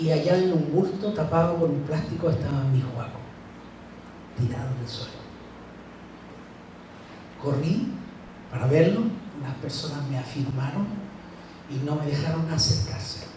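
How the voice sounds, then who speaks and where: A middle-aged man from Chile telling a personal story of loss at a church, slow and halting with long pauses. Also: on the high side, background noise. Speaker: speaker at a church. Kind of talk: personal testimony talk. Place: church hall. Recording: echoey hall, mic far off.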